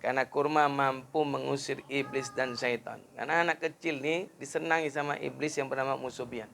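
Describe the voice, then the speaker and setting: A man giving a sermon at a family celebration, often rising to loud, high emphasis and adding joking asides. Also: fairly even intonation, brisk, vocal fry, slight background noise. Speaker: preacher.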